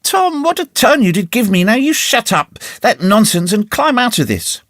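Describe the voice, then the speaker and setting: A man voicing an anxious older aunt who scolds and frets in a high, shrill voice. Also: very animated, moderate pace, a bit bright, no room sound, studio quality. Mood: scolding.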